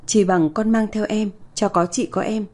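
A woman's voice: medium pitch, steady tone, normal speed, a little mellow, natural voice. A woman voicing an earnest young village girl. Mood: pleading. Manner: earnest, pleading. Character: devoted young village girl, eldest daughter.

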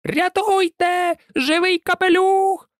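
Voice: very high voice, steady tone, slow, no echo, clean studio sound, pitched above the performer's own voice. A reader voicing a flock of frantic hens in a storybook, shrieking in panic. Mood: panicked.

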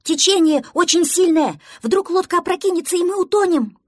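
Storybook duckling, small and cheerful, exclaiming everything in a high husky voice, read by a woman. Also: sing-song, normal speed, no echo, clean studio sound, heavily acted. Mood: alarmed. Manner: loud, eager, exclaiming. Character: excitable little duckling, cheerful and bossy.

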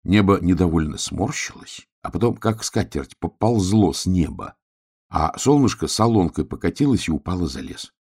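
Low, husky male narrator for a children's storybook, animated intonation. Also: moderate pace. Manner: expressive, lively storytelling.

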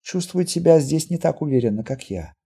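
A man voicing a calm, earnest young mutant woman in an audiobook, speaking softly and evenly. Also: on the high side, fairly quick, husky, pitched above the performer's own voice.

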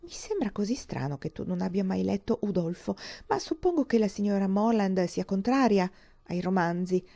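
A gushing, gossipy young woman, voiced by a woman reader in a dramatized audiobook, effusive and theatrical. She confides and flatters in a warm, dark tone. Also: mid-range voice, moderate pace, creaky. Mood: gushing, confiding.

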